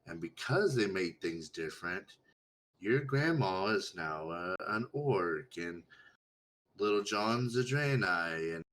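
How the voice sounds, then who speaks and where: A man's voice: sits low, expressive, takes it slowly, a bit bright, voice pushed down, heavily acted. A man voicing an exasperated, foul-mouthed little gnome girl who talks down as if to a child, on a clipping mic. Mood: patronising storytelling. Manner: blunt, condescending, simplifying as if for a child.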